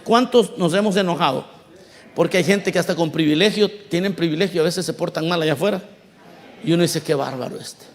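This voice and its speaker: High-voiced man preaching a sermon. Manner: conversational preaching, asks the congregation questions; acts out quoted voices with big swings of pitch and loudness. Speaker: pastor.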